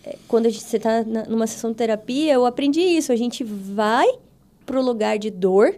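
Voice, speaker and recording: Brazilian woman guest, high and mellow, fry in the voice, animated storyteller who plays out every quote. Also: fairly quick. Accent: Brazilian Portuguese. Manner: animated, acts out quoted dialogue with her voice. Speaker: podcast guest. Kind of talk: testimony storytelling in a casual interview.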